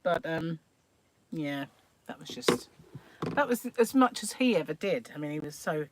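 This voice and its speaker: An older woman hosts a live stream, chatting casually and telling family stories, laughing often between remarks. Her low voice is expressive and a little slow, and the recording is very noisy.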